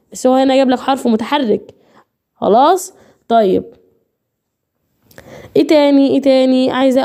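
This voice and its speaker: A woman's voice: on the high side, mellow. A woman with an Egyptian accent teaching English online, repeating and drilling each point while addressing her students directly. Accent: Egyptian Arabic. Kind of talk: online lecture.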